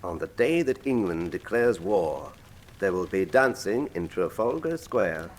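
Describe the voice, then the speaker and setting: An actor playing a suave, pompous criminal professor in a radio drama, speaking in eloquent, deliberate, menacing monologue. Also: male voice, low-pitched, big pitch swings, exaggerated voice. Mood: coolly triumphant. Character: suave, grandiose male criminal mastermind professor, coolly menacing.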